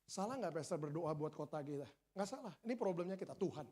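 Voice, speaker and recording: A man preaching a sermon at a church service, speaking into a stage microphone. He talks in loose style speech, joking with the congregation. His delivery rises to loud, high emphasis and then falls back to low, confiding remarks. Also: fast talker, slightly rough. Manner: animated, humorous, colloquial, swings from loud peaks to quiet asides. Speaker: pastor.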